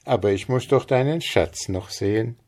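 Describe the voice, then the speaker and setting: A man voicing a gentle, teasing female rain spirit in a fairy-tale reading. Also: mid-range voice, normal speed, voice pushed up, natural voice. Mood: kindly.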